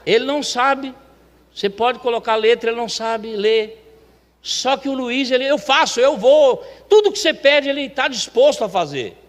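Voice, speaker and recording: A man with a high voice tells a testimony from the pulpit, chatty and animated, and acts out the voices of the people in his story. His voice rings through a church sanctuary with a long reverb. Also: normal speed. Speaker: church elder telling a testimony.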